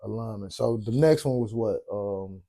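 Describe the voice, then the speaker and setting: A tired man with a very dark, mellow voice talks in a laid-back, rambling way, trailing off with ums while he hunts for words. He chats casually, like a late-night host winding down. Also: lowish voice, normal speed. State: tired, yawning. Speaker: podcast host.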